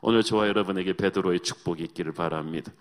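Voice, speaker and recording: Male pastor, low voice, dramatic sermon, hushed then emphatic. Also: fast. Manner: dramatic storytelling, swinging between hushed and emphatic.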